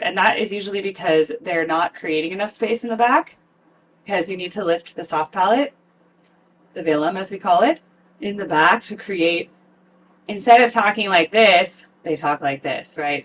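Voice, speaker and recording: Brief: low-pitched woman, voice teacher doing casual reaction commentary, mic a bit distant. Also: slight background noise. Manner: candid, chatty, analytical, heavy use of "like".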